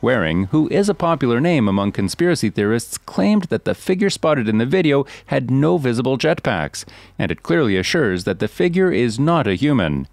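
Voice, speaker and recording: A man reading scripted news narration in a steady read-aloud delivery. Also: medium pitch, moderate pace, vocal fry, dry recording.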